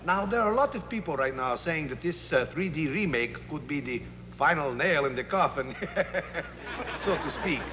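A man playing a corny, excitable male TV show host who chuckles through his announcer patter in a sketch comedy. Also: a little high, long reverb tail, a little hiss or hum. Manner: announcer patter, gleeful and hammy, chuckling at his own lines.

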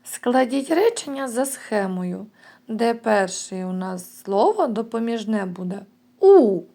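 A woman kindergarten teacher giving a recorded lesson to young children, sounding out words slowly and clearly. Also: fairly high pitch, animated, dark tone.

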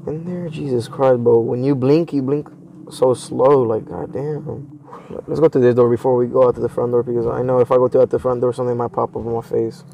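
A man's voice: mid-range voice, steady tone, fairly quick, creaky, highs cut off, slight background noise. A young man giving casual horror game commentary as a streamer, scared and jumpy, exclaiming and repeating himself. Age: young adult. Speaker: gaming streamer.

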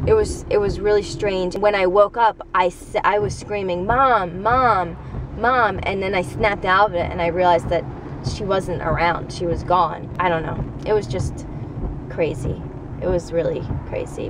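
A woman's voice: fairly low pitch, background noise. A woman in her twenties telling a personal story to a vlog camera inside a car, casual, hesitant and confiding. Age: 20s. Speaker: vlogger. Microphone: handheld or mounted camera at arm's length.

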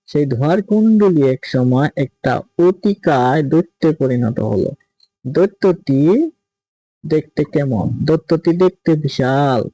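A man explains a classroom lesson, pausing to repeat each word slowly so pupils can copy it. His voice sits a little high yet sounds mellow and relaxed. The recording is dry and close, with no room echo. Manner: slow, careful pronunciation drills, repeating words. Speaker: teacher. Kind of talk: reading and explaining a textbook lesson.

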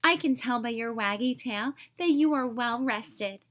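Woman voicing a chirpy, high-pitched little bird teacher. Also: measured pace, a bit bright. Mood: welcoming. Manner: chirpy, sing-song, emphatic. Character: cheerful little female bird schoolteacher, encouraging and firm. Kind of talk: children's storybook character voice.

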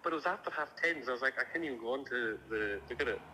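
Guy on speakerphone, chatty and disbelieving, really animated pitch, noisy crowd behind. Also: very fast. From Scotland, island in the Western Isles. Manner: disbelieving, informal. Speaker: competition winner taking a phone call. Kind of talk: casual phone chat. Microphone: phone on speaker, picked up in room. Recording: quiet speakerphone call, crowd-like background noise.

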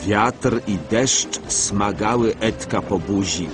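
A man giving scripted, expressive storybook narration for a children's cartoon. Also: on the low side, takes it slowly. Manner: expressive, animated reading. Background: background music.

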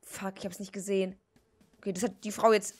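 A young woman streaming a game, commenting excitably and often breaking into shrieks and exclamations. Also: medium pitch, brisk, breathy edge, soft background music.

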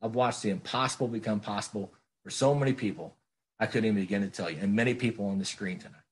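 A man's voice: on the low side, quick pace, a little hiss or hum. A middle-aged man speaking at a recovery meeting, earnest and plainspoken, repeating phrases for emphasis.

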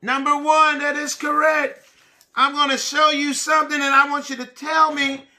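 High, bright-voiced man teaching small children. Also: flat delivery, moderate pace. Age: middle-aged. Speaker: preschool and kindergarten teacher. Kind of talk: children's lesson addressed to young pupils. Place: small indoor room with bookshelves.

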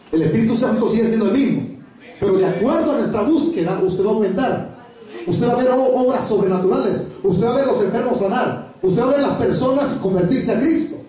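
A pastor preaching a fiery sermon, breaking into sudden high shouted bursts. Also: male voice. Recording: echoey hall, voice from far off.

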